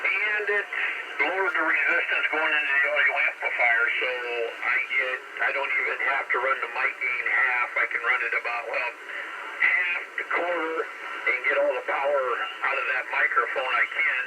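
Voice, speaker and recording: A man's voice: medium pitch, moderate pace. A man chatting casually over a CB radio from his home garage station, rambling in a folksy way with lots of fillers and restarts. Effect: heard over CB radio. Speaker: CB radio operator. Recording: distant CB radio signal, heavy static.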